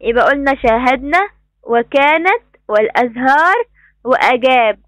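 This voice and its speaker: This is a woman with an Egyptian Arabic accent and a high voice, teaching young pupils over a video call. She cheers them on and repeats each instruction patiently. The sound is dry and close. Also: animated, normal speed, fairly bright tone, dry recording. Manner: encouraging, repeats praise and instructions. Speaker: primary school teacher. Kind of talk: online class. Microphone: computer mic on a video call.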